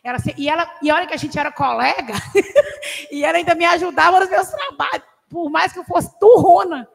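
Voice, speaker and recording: Woman, high gravelly voice, animated church testimony, long reverb of a hall. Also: quick pace. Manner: animated storytelling, laughs often. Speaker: church class participant. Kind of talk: testimony in a Bible class.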